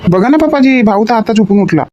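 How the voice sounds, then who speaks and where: An actor playing a grown son at home in a comedy sketch, pleading and repeating words. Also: male voice, high-pitched, expressive, fast talker, dark tone. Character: grown sons at home, eager and scheming. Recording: dull lo-fi recording with faint noise.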